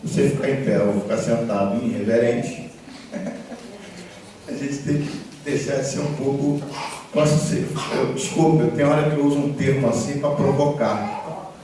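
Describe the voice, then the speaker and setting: A man's voice: medium pitch, normal speed, long pauses. Man preaching in an echoey hall. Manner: conversational, repeats tag questions, animated storytelling. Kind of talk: sermon. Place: church hall. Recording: echoey church hall from far off, background noise.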